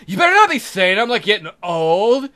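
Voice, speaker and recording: A man voices an annoyed, airheaded young fairy-tale maiden in a visual novel, pushing his voice high above its natural pitch in a heavily acted performance. The tone is bright and forceful with big pitch swings at normal speed, and the character speaks in a hesitant valley-girl drawl packed with filler words.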